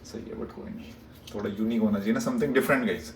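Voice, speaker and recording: Holding his phone up to vlog his travels, a young man chats in a teasing, playful way, now and then flaring into mock anger. He speaks briskly at a fairly low pitch, and the distant mic picks up a roomy sound with slight background noise.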